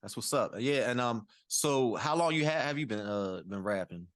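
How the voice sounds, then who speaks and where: A man's voice: mid-range voice, lively intonation, moderate pace, dry recording. A man hosting a podcast, interviewing a guest in an easygoing way, with lots of "yeah" and "that's what's up.". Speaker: podcast host. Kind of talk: casual interview.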